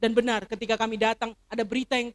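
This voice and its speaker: A middle-aged woman pastor preaching a sermon, swinging from loud emphatic declarations to soft personal stories. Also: on the high side, little pitch movement, quick pace. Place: church service.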